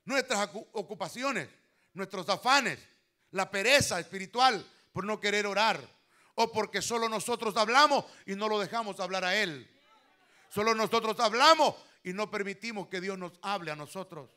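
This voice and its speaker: A man preaching a sermon as pastor, fervent, swelling loud on key phrases and calling his listeners brother. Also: sits high, normal speed.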